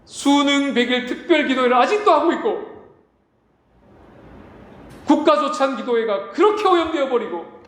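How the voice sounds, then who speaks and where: In a church sanctuary, a pastor preaches a dramatic sermon, acting out quoted voices with big pitch swings. He sounds animated and fairly bright, speaking at normal speed with long pauses. The room is echoey, with faint ambience.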